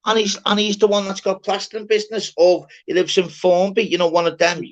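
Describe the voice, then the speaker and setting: A man's voice: high voice, level tone, a little fast. Rambling Scouse man, dull lo-fi sound. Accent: Liverpool. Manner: rambling, repetitive, broken-up sentences. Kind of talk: casual sweary banter. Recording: dull lo-fi audio.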